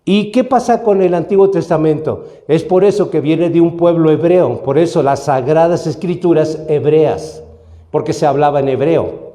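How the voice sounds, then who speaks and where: A man's voice: on the high side, normal speed, warm tone. A man from Mexico preaching a sermon as pastor, teaching and often asking his listeners whether they follow. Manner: teaching, asks the congregation questions. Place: church hall. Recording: echoey church room.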